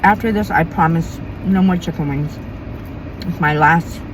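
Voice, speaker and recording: Mukbang lady chatting slow, kinda low voice, eating at home at night. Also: noisy background. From Maine, USA. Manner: chatty, eats between sentences. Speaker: mukbang vlogger. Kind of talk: casual eating vlog chat.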